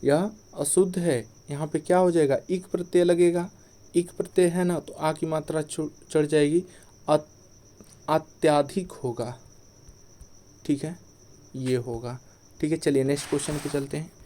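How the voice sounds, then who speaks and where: A man's voice: fairly high pitch, fairly even intonation, measured pace, pauses often, warm tone. A man teaching an exam-prep Hindi grammar lesson, who repeats each point as a question to the class and then answers it himself.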